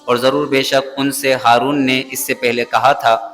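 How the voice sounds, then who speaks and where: A Pakistani Islamic scholar teaches a Quran lesson in a mosque, chanting verses melodically before translating and explaining them in plain terms. His medium-pitched voice has a flat delivery and a fairly bright tone. Long hall reverb fills the recording, with faint music behind.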